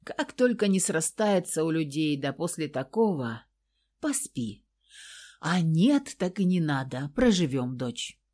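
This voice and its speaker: A woman's voice: low-pitched, big pitch swings, unhurried, exaggerated voice. A woman doing a coaxing older mother. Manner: coaxing, gentle pleading. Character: worried older mother, soothing and protective.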